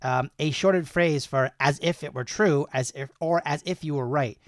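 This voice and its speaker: A man's voice: fairly high pitch, moderate pace, no room sound, clean studio sound. A man in his thirties hosting a casual podcast, laughing often as he reads slang definitions with jokey examples. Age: 30s. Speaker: podcast host.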